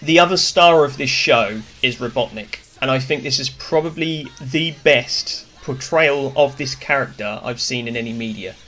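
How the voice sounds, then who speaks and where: A man's voice: mid-range voice, moderate pace, few pauses, a bit bright. A man hosting a casual cartoon review, talking through his opinions in a chatty, enthusiastic way. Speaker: host.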